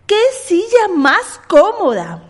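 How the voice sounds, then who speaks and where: A woman voicing a curious little girl in a storybook, with bright, sing-song exclamations. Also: very high-pitched, huge pitch swings, slow pace, pitched above the performer's own voice, heavily acted. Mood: fussy.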